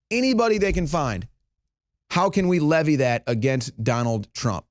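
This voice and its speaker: A man delivering heated news commentary, sarcastic and indignant. He pushes to loud, emphatic peaks. His voice sits a bit high and sounds dry and close to the mic. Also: dry recording.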